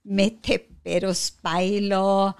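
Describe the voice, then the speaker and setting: A woman's voice: mid-range voice, gravelly, clean tone, no room sound. A woman in her fifties tells a long personal story as a podcast guest, laughing often and restarting sentences along the way. She is recorded on a close mic in a dry space with no room sound. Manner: lively, laughs while telling, many fillers and restarts. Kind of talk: casual storytelling conversation.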